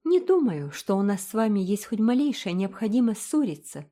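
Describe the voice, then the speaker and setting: A woman's voice: very animated, normal speed, dark tone, lightly acted. A woman voicing an overwrought middle-aged mother who pleads in a tremulous voice. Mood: tearful, reproachful. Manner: tremulous, high and imploring.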